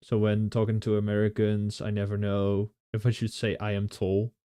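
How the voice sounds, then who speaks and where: A man's voice: on the low side, monotone, normal speed, warm tone, clean tone, no echo. Chatty Dutch man, dry close mic. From Netherlands. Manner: chatty, laughs often, many restarts and fillers. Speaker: streamer. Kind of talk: casual chat with viewers.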